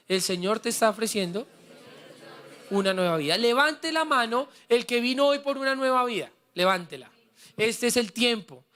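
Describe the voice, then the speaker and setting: A man's voice: high-pitched, fairly bright tone. A man preaching a sermon as pastor, urging the congregation to repeat after him and sharing his own story with feeling. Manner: fervent, prompts the congregation to repeat words; personal and heartfelt storytelling.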